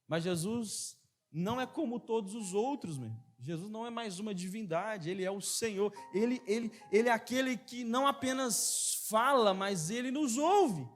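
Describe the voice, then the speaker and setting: Emphatic, high-voiced male preacher. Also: normal speed, faint music behind. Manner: emphatic, animated preaching that keeps addressing the listener as brother. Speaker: pastor. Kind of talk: sermon. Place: church.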